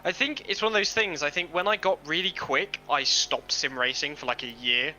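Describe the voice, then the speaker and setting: A man's voice: fairly high pitch, moderate pace, sharp tone, slight background noise, rough recording. A man streaming a sim race, chatting casually on a headset, self-deprecating and swearing now and then. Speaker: streamer and sim racing driver. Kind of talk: casual chat while racing.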